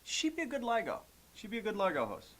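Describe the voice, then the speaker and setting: Joking guy on a podcast, bouncy animated voice, blunt one-liners. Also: high-pitched, quick pace, a crowd in the background. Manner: wisecracking, blunt jokes. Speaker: podcast co-host. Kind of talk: casual Q&A chat.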